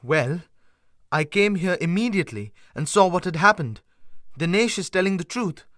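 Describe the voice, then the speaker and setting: A man voicing an upset male shop owner who speaks in a rushed, agitated way. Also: high-pitched, lively intonation, a bit bright, dry recording, clean studio sound, voice pushed up.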